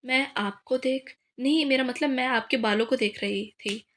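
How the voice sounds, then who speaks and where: A gentle, affectionate young wife, shy with her husband, from an audiobook romance, read by a woman. The voice is bright and fairly high, in the reader's own everyday tone. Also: moderate pace.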